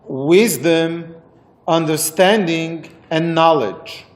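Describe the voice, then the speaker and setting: A man with a Moroccan accent leads a religious text lesson in a fairly high voice. He speaks slowly and haltingly, circling back to repeat key phrases as he teaches. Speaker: religious teacher leading a class.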